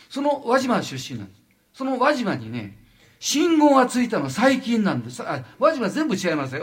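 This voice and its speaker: An older man from Japan giving a lecture, halting with frequent fillers and lively asides. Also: sits high. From Wajima, Noto Peninsula, Japan.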